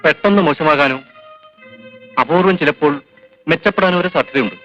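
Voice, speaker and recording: An actor playing an educated hospital doctor who explains a grave diagnosis in a measured way. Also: male voice, fairly high pitch, sharp tone, dull audio, faint music behind. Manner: measured, explanatory, mixing in English.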